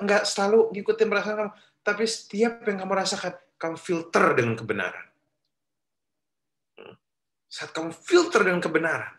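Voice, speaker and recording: In a church room with plenty of echo, a man with an Indonesian accent gives a casual youth sermon in a high, pushed, bright voice. This youth pastor keeps quizzing the audience in a chatty way and mixes English expressions into what he says.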